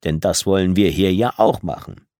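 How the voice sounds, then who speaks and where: A man's voice: low voice, warm tone, no room sound, clean studio sound, close to an everyday voice. A male audiobook reader voicing a kindly old football coach who talks hesitantly. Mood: confiding. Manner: hesitant, halting.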